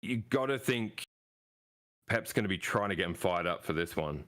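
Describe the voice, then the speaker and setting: A man's voice: deep voice, expressive, moderate pace, a bit bright. A man co-hosting a casual football podcast, easygoing, with stammering restarts.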